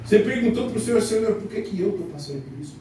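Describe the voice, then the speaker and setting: A man's voice: high-pitched, lively intonation, fast, warm tone. A Brazilian man preaching a fervent church sermon, emphatic, repeating phrases and throwing out rhetorical questions. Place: church service before a congregation. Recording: very echoey church hall, distant mic, faint noise.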